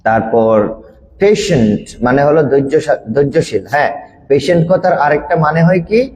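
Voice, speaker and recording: A male teacher runs an online English class, giving each word's meaning and then having a student repeat after him. His voice sits a little high for a man. There is a long reverb around him. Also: animated, measured pace, darkish tone. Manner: explains each word patiently, then drills pronunciation with a student. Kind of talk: online grammar class, explaining word meanings. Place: online classroom on a video call.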